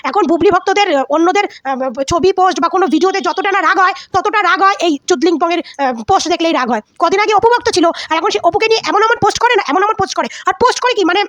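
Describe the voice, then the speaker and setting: A woman's voice: extremely high pitch, very fast, hardly any pauses, a bit bright, no echo. A woman vlogger giving heated celebrity gossip commentary, scolding and insulting with lots of repetition.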